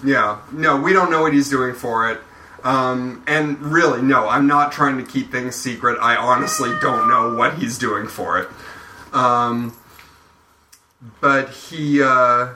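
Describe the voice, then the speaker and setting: A man talking loosely in a group podcast chat, his speech full of ums and uhs. His voice is bright and forward. He sounds a little far from the mic in a roomy space with faint background noise. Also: mid-range voice, takes it slowly. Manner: rambling, many ums and uhs. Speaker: podcast co-host.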